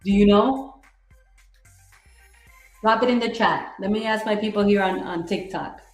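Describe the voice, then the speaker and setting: A woman real estate coach giving an energetic, repetitive motivational talk on a livestream, quizzing viewers in the chat. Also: medium pitch, measured pace, roomy sound, faint music behind, low-quality recording. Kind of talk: live-streamed motivational coaching.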